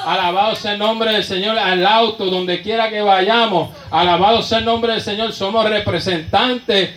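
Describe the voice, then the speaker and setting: Fervent high-voiced preacher, echoey church. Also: male voice, fairly even intonation, normal speed, fairly bright tone. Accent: Puerto Rican Spanish. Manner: fervent, with constant interjections of praise. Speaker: pastor. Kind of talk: sermon testimony.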